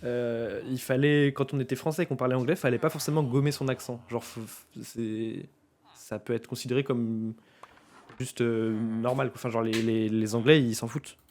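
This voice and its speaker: Young French-accented male streamer, rambling casual chat, mid-pitched, faint noise in the background. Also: steady tone, normal speed, a little mellow. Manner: chatty, rambling with fillers.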